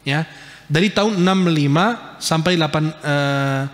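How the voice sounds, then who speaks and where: A man with a fairly high voice gives a casual religious lecture in a lively, joking way. He points at pictures as he talks, and his words ring out with a long reverb from a large hall. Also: unhurried. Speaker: Islamic preacher.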